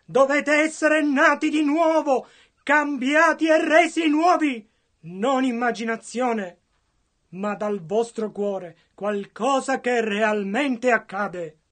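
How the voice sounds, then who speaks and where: A man's voice: extremely high pitch, slow, fairly bright tone. A man interpreting a sermon line by line, earnest and matching the preacher's fervor.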